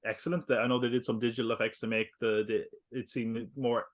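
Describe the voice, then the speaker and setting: A man's voice: mid-range voice, little pitch movement, brisk. A man co-hosting a film podcast, talking casually in a rambling way, full of fillers and jokey asides. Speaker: podcast co-host. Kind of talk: casual film review chat.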